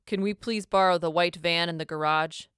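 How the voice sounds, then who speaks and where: A calm, formal male leader from a storybook, measured and apologetic in tone, as a woman reading aloud puts him on. The voice sits low and smooth, recorded close and dry. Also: dry recording, natural voice.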